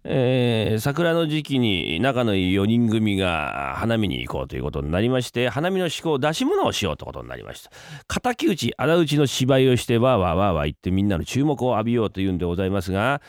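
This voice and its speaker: A man telling rakugo live on the radio, briskly switching between characters. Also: lowish voice, very animated, clean tone, no room sound, studio quality. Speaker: rakugo storyteller.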